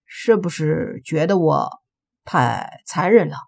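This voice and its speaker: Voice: medium pitch, expressive, slow, vocal fry, husky, full character voice. A narrator reading the lines of a ruthless young male zombie king in an audiobook, cold and cutting. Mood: wry.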